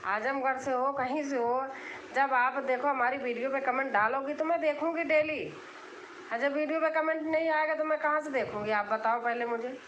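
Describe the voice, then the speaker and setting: A woman's voice: high-pitched, normal speed, fairly bright tone, roomy sound, dull audio, slight background noise. A woman from Allahabad, hosting a casual live stream and answering comments in an insistent, repetitive way, explaining herself. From Allahabad, India.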